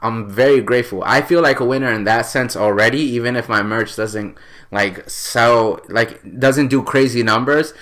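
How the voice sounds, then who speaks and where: A man's voice: mid-range voice, normal speed, fairly bright tone. A man in his late twenties from New York, hosting a podcast in a casual, earnest, rambling way with many fillers. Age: 20s. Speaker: podcast host.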